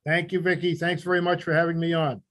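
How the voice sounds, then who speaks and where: An older man with a Queens New York accent, explaining things in a measured way as an interview guest. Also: fairly high pitch, flat delivery, a bit bright. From Queens, New York City, USA. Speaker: interview guest, former newspaper reporter and author. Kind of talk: conversational interview answers.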